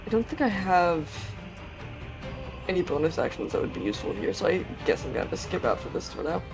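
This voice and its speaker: A woman's voice: lowish voice, very animated, fast talker, poor audio. A woman playing a tabletop game, chatting casually in a wry, sarcastic manner. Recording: music playing behind. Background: background music.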